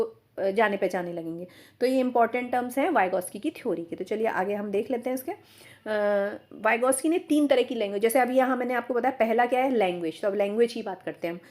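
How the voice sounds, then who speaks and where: A woman's voice: on the high side, darkish tone. A woman teacher giving an exam-prep lecture, explaining step by step and often asking and answering her own questions.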